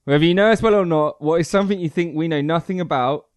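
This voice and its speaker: A man's voice: on the high side, fast. Young guy, tipsy, jokey rambling chat, voice up a bit, no room echo. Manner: rambling, joking, laughs often. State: drunk. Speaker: podcast co-host. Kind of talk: drunk casual chat.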